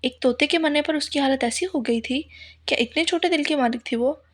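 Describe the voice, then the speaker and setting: A woman narrating a romance novel in a steady, unhurried reading voice. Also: high-pitched. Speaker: novel reader.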